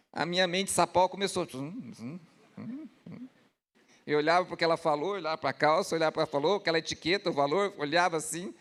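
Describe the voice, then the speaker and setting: A male pastor preaching a lively storytelling sermon at a church service, often asking the congregation rhetorical questions. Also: on the high side, racing, hardly any pauses.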